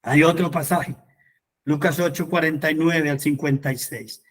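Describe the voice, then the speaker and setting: A man leads a Bible study as its preacher. His voice sits high for a man. He moves between reading scripture aloud and fervent appeals to the people listening. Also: steady tone, moderate pace.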